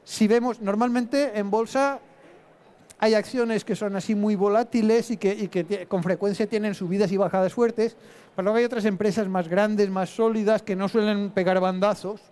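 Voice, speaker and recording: A man speaks at a live event, walking an audience through his thinking. His voice sits fairly high for a man, and his delivery is plain and explanatory. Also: a little mellow. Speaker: invited investor speaker.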